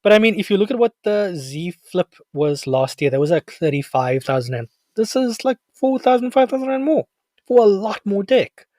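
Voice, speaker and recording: A man's voice: sits high, dry recording. A South African man hosting a casual tech podcast, chatting and bantering animatedly with his co-host. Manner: animated, jokey, quick to banter.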